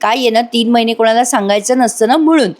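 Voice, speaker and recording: A woman's voice: a little high, fast talker, darkish tone. A woman narrating a voice-over review, retelling a TV serial episode in a chatty storytelling way.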